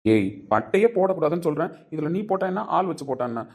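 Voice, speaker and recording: A man's voice: fairly high pitch, animated, fast, darkish tone. A man playing a mock-stern joking husband. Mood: bantering. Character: playful husband bantering with his wife.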